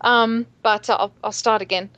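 A woman co-hosting a podcast in casual chat, halting as she searches for her words. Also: on the high side, steady tone, a bit bright, no echo. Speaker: podcast co-host.

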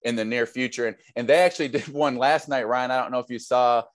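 A man's voice: medium pitch, fairly even intonation, fast, no echo. A young man hosting a casual podcast interview, friendly and loose with many fillers. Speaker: podcast host.

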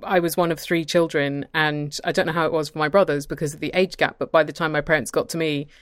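A woman's voice: low voice, steady tone, fast, dry recording. A woman hosting a podcast, chatting casually with a wry, dry sense of humour. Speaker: podcast host. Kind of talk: casual chat.

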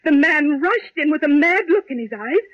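An actress playing an excitable, frightened young secretary in a 1950s radio drama. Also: female voice, high-pitched, moderate pace, dry recording. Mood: anxious. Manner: breathless, excitable. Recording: dull old radio recording.

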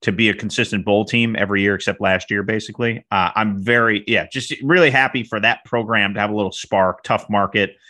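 Bright-toned joking man, lowish voice. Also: steady tone, a little fast, hardly any pauses. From lives in Boston. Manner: joking, easygoing. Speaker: college football reporter, podcast co-host. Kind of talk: casual sports chat.

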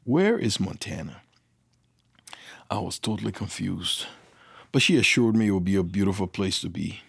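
A man telling a personal story as an interview guest, lively and acting out the dialogue. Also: deep voice, brisk, creaky, breathy edge, no room sound, studio quality. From Liberia. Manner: animated, acts out dialogue. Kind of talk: anecdotal storytelling.

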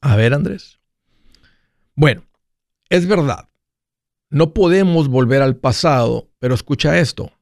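A man's voice: on the high side, a little slow, gravelly, pauses often, no echo, studio quality. Jokey man in his forties. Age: 40s. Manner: playful, jokey, restarts mid-phrase. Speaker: radio finance host. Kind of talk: casual monologue.

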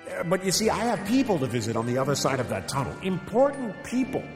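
A man's voice: on the high side, huge pitch swings, fast, echoey room, big-room sound, faint music behind, voice pushed up. A man doing a stammering, pleading king. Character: flustered pleading young king.

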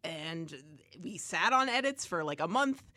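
A young woman co-hosting a casual podcast, telling a story with animated energy and frequent laughs. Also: on the low side, a little slow, no room sound. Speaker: podcast co-host, game reviewer. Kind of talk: casual chat.

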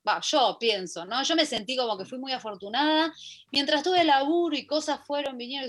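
Guesting on a radio show in the studio, this Argentine musical theatre actress, middle-aged, talks about her career on stage. Her voice runs on the high side with a fairly bright tone, and she chats with plenty of fillers and restarts.

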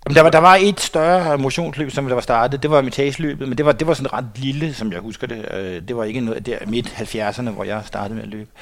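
Guest, older man in his 60s, reflective and halting with many pauses and restarts. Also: mid-range voice. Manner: hesitant, many fillers and restarts. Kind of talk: reminiscing interview talk. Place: studio.

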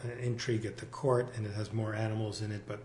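A male novelist chatting in an interview, meandering and correcting himself, recorded on a single mic in a giant high-ceilinged room with big hall echo. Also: level tone, fast, darkish tone, a little hiss or hum. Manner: meandering, self-correcting, many fillers. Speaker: novelist guest. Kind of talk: casual interview chat. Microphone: single shared mic in the room.

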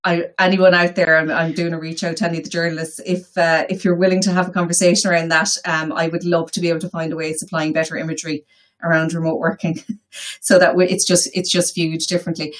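A woman's voice: fairly low pitch, flat delivery, quick pace. A woman from the west of Ireland with a local accent, talking casually and chattily as an interview guest. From Galway, west of Ireland. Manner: chatty, informal, colloquial.

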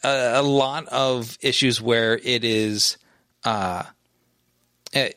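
A man co-hosts a laid-back gaming podcast and works through his points with frequent restarts and fillers. His voice sits at an ordinary pitch and is recorded close and dry, with no room sound. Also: steady tone, slow pace, pushed and bright, no room sound. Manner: rambling, many restarts and fillers. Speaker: podcast co-host. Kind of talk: casual esports chat.

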